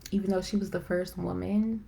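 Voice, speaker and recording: Gravelly-voiced woman chatting on a live stream. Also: lowish voice, a little hiss or hum. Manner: chatty, rambling, many fillers; excited, self-described as talking fast. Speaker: host of a live video chat. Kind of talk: casual faith-based chat. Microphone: phone or computer for a live stream.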